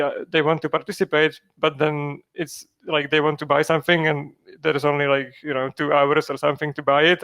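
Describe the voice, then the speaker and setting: A man's voice: fairly high pitch, vocal fry, fairly bright tone, no echo. A man, a project founder from Czechia, answering interview questions in a rambling way with many fillers and restarts.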